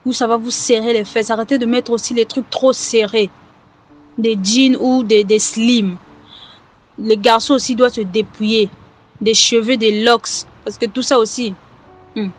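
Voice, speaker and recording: A woman with children giving an earnest personal testimony, halting and repeating her words often. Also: fairly high pitch, steady tone. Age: adult with children. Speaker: testimony giver.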